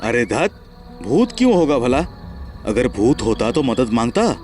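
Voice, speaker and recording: Level-headed cartoon youth, teasing, very lively pitch swings, a man voices him, slow pace. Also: soft background music. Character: calm sensible young man Laltu.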